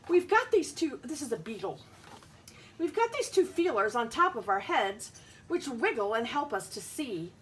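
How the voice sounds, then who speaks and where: With a slightly high and very animated voice at a moderate pace, a woman teacher reads a picture book to her class, simplifying ideas and quizzing the little ones as she goes. There's a faint hiss or hum on the recording.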